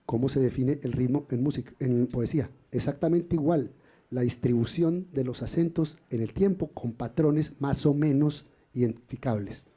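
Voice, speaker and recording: Man, husky, explains poetry and rhythm, café talk. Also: mid-range voice, moderate pace, dark tone. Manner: explanatory, chants rhythm syllables. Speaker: singer and poet, guest. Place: café event in Cali.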